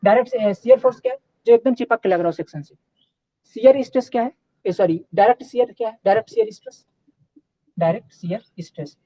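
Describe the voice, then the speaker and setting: Mellow-voiced man teaching a live class. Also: very high-pitched, quick pace, dry recording, rough recording. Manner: asks questions and answers them himself; repeats checks like "okay" and "clear?". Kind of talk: live online engineering class.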